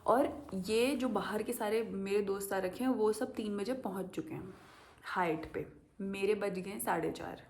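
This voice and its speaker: A woman's voice: medium pitch, a little slow, gravelly. A young woman telling a story casually to camera as a vlogger, acting out the voices of the people in it. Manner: animated, acts out quoted voices.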